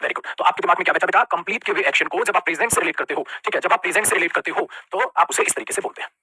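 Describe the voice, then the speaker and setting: A man's voice: high voice, racing, pushed and bright, breathy edge, no echo. A man with an Indian accent teaching an English grammar lesson, mixing Hindi with English terms, calling his students "beta" and answering his own questions. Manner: calls students "beta" and asks them questions he answers himself.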